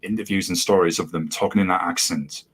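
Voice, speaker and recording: Deep-voiced man chatting about films. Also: fast, slightly rough. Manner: relaxed, agreeable, frequent "yeah". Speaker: podcast co-host. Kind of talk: casual film review chat.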